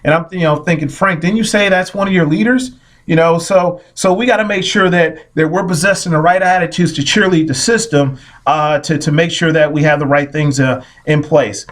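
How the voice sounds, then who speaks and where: A man giving an energetic motivational talk, repeating himself often and dropping "man" and "see" into his sentences. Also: fairly high pitch, normal speed. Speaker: motivational speaker.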